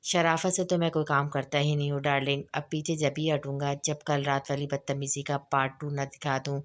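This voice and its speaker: A woman reading a novel aloud and voicing a brusque, possessive young husband with sharp, demanding questions. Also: low voice, little pitch movement, a little fast, close to an everyday voice. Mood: teasing.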